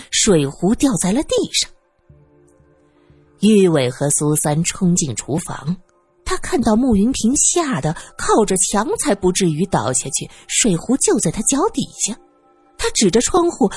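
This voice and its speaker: A woman tells an audiobook story, with a lively, swooping delivery and a husky, breathy tone. The sound is dry and close, with faint music running beneath her. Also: mid-range voice, no echo. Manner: expressive, dramatic storyteller. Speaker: audiobook narrator. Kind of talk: storytelling narration.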